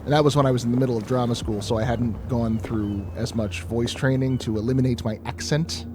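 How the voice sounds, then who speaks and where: A man's voice: medium pitch, fairly even intonation, fairly quick, noisy background. A man giving casual gameplay commentary, rambling, chatty and profane. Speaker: streamer.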